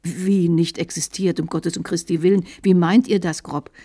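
A woman's voice: on the low side, steady tone, normal speed, mellow, husky. A frightened, bewildered bishop with a slight lisp, as a woman puts him on. He murmurs anxiously and pleads for answers. It sounds like a storybook reading for radio. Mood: fearful.

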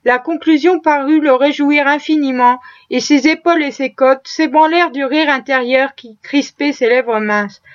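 Woman audiobook reader, high voice, steady measured delivery, muffled lo-fi sound. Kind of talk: reading a classic novel aloud.

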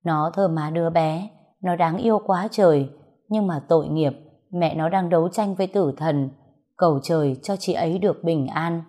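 Woman reading a story out loud, kinda low voice, does all the lines herself. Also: moderate pace. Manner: reads all the characters' dialogue in her own voice. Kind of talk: scripted narration.

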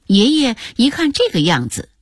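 An older woman narrating her own memories as a radio story, expressive and acting out the scenes. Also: a little high, moderate pace, breathy edge, no echo, studio quality.

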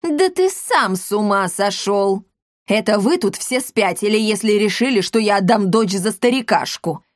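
A woman's voice: medium pitch, normal speed, no room sound, clean studio sound, close to an everyday voice. A woman reading aloud, voicing a grumpy, stubborn middle-aged male shopkeeper who talks in a blunt, grumbling way.

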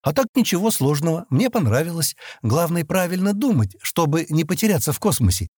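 A man reading an audiobook, voicing a young alien woman pilot who explains things in a calm, matter-of-fact way. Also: on the high side, a little fast, husky, no room sound, studio quality, pitched above the performer's own voice. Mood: explaining.

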